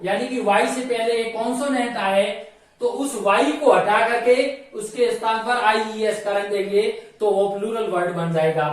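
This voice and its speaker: A male grammar teacher, explaining rules slowly in a classroom lesson and spelling words letter by letter. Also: high voice. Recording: very echoey room, from far off.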